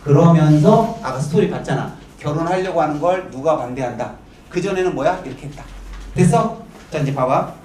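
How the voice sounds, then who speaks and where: In a high voice, a man gives his students a brisk, informal lecture, bluntly firing rhetorical questions at them. The audio has a faint hiss or hum, with the microphone far off in a room that echoes.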